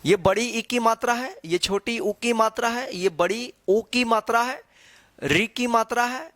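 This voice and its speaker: A male teacher walks learners through each syllable at an unhurried pace. He poses a question, then answers it, stretching sounds so they can be copied. The recording is dry and close, with no room around the voice. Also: very high-pitched, fairly bright tone, dry recording. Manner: repeats rhetorical questions, drawn-out syllables. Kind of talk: slow, patient classroom instruction.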